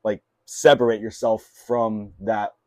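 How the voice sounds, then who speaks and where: A young man whose first language was Mandarin hosts a casual podcast, chatting in relaxed everyday speech. His lowish voice moves at a measured pace while he rambles, filling in with "like" and restarting phrases often. The sound is close and dry, with no room echo.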